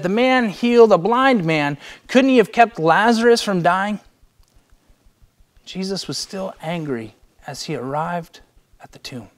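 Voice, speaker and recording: A young adult man with a Midwestern American accent, a pastor preaching a sermon with impassioned delivery that swings between loud and hushed. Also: a little high.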